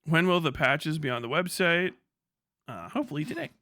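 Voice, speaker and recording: With a fairly high, sing-song voice that's pushed and bright, this man talks a little fast in a dry, studio-quality recording. He's a livestream host giving casual commentary to a live audience, full of profanity, sarcasm and incredulity, often repeating phrases for emphasis.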